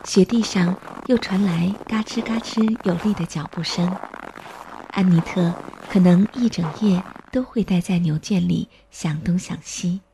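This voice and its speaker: A woman narrating a storybook in a gentle, even-paced reading voice. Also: on the low side, unhurried, gravelly, noisy background. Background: faint music.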